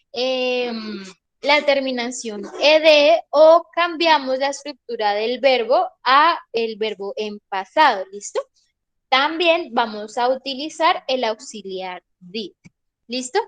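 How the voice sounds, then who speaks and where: A woman's voice: high-pitched, fairly bright tone. A young woman teaching an online English class, patiently checking in with her students. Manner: patient, checks in with "¿listo?" often.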